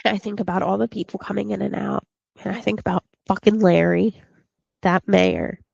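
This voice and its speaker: A woman's voice: medium pitch, fairly even intonation, moderate pace, gravelly, darkish tone, slightly rough, no echo, dull audio. A woman co-hosting a podcast, retelling a film casually with many fillers and restarts. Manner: rambling retelling full of fillers and restarts, acting out quotes. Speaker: podcast co-host.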